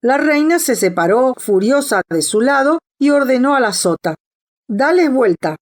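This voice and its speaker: A woman reading a classic children's novel aloud as an audiobook narrator, in a steady, measured way. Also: high-pitched. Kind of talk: scripted storybook narration.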